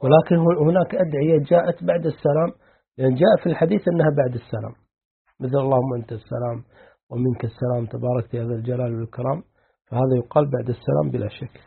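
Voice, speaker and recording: A man, a sheikh, calmly explaining hadith to a class and checking that they follow. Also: mid-range voice, very fast. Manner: calm, explanatory, asks the class "clear?". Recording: tinny lo-fi lesson recording.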